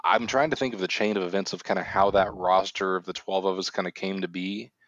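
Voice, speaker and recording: A man's voice: deep voice, steady tone, brisk, fairly bright tone, dry recording. A man co-hosting a podcast, chatting casually with a hesitant, filler-laden way of talking. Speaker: co-host. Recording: dry, slightly dull lo-fi sound.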